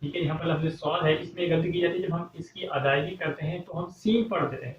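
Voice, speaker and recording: A man teaching a step-by-step recitation lesson, explaining calmly and pausing to chant verses slowly. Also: on the high side. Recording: echoey, distant, dull lo-fi recording with faint hum.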